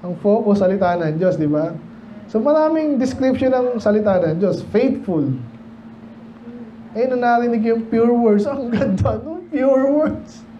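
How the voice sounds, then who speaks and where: A Filipino pastor with a high, mellow voice delivers a midweek sermon and Bible study in church. He wanders loosely through his points, asks the congregation questions, and mixes Tagalog talk with slow readings of King James verses. The recording is dull and lo-fi, with faint noise.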